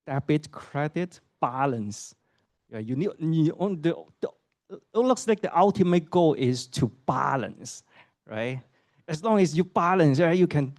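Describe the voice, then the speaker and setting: Students and parents hear a middle-aged Hong Kong associate professor explain university admissions in a relaxed, conversational way, full of fillers, audience questions, and repeated "right?" His voice is medium-pitched and a little mellow, captured in clean studio sound without echo.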